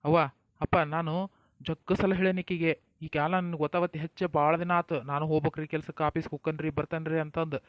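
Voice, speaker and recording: A man's voice: on the high side, little pitch movement, brisk, no echo, highs cut off. A man with a North Karnataka accent acting in a family comedy skit, folksy and coaxing, sometimes stern. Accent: North Karnataka Kannada.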